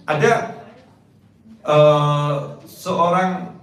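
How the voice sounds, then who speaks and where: A man preaching a lively sermon to a gathering, animated and joking, sometimes loud when he acts out quoted lines. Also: fairly high pitch, extremely slow. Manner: animated and joking, rising to loud mock shouts in quoted voices. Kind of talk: lively sermon to a live congregation. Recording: echoey hall, voice far from the mic.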